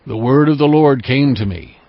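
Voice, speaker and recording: A man's voice: mid-range voice, dry recording, lightly acted. Man playing solemn prophet Ezekiel, slightly muffled. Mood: earnest, measured. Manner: solemn, measured, earnest. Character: obedient male Hebrew prophet recounting his visions. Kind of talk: dramatized scripture narration. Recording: muffled sound with music behind. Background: cinematic music.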